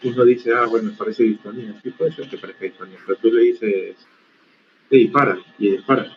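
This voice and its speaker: A stern man lecturing medical students over a video call, his voice sitting on the low side. He corrects his class firmly and plainly. The call audio is dull and lo-fi, with faint noise behind him. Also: fairly even intonation, fast. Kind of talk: online university lecture.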